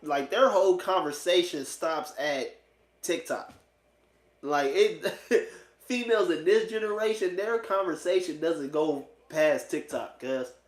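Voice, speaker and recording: A man in his late twenties vlogs about dating in a blunt, slangy, profane monologue, casually repeating phrases for emphasis. He speaks unhurriedly in a voice on the high side, and the recording has a roomy echo.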